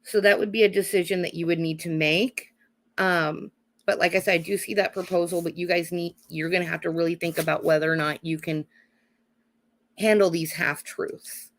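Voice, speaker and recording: Hoarse woman giving psychic readings. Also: fairly low pitch, steady tone, normal speed. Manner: calls viewers honey and darling, adds "okay?" tag questions. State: hoarse from a cold. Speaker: psychic card reader. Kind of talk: live-streamed card reading.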